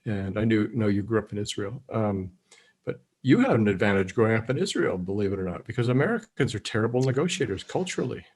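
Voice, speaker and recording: A middle-aged man from Canada, a guest in a casual interview, speaking calmly and telling stories. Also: on the low side, quick pace, slightly rough. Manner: calm, even-keel storyteller who drops in quoted lines. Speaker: guest, negotiation expert.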